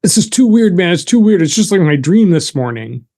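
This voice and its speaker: A man doing a jumpy, high-pitched gunman. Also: lively intonation, fairly quick, a little mellow. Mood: spooked. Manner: high, strained disbelief. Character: agitated male gunman, jumpy and bewildered.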